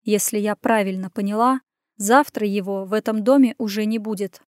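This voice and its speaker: A woman reading a first-person audiobook as the heroine, with lively dialogue. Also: medium pitch, moderate pace, no echo, studio quality. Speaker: audiobook narrator.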